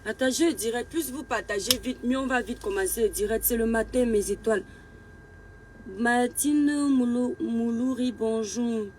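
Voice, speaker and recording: A woman's voice: fairly high pitch, moderate pace, darkish tone, slight background noise. Woman greeting live-stream viewers by name.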